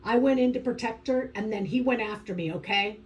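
A woman's voice: fairly high pitch, fairly quick, muffled recording, close to an everyday voice. A woman voicing a troubled, tough young man who pleads urgently and flares into anger. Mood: pleading.

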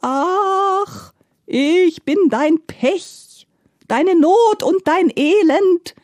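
A woman voicing Misfortune as a scrawny, self-pitying spirit that wails and sobs in a high, drawn-out voice. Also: darkish tone, no echo, studio quality, exaggerated voice. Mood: sobbing. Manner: sobbing, drawn-out wailing.

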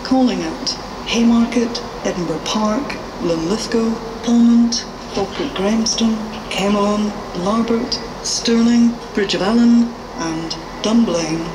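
Distant woman announcer over a station loudspeaker. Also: over music. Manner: formal, measured, scripted delivery. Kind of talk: public address announcement. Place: open-air railway station platform. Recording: distant loudspeaker under loud train noise. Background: loud train rumble and station ambience.

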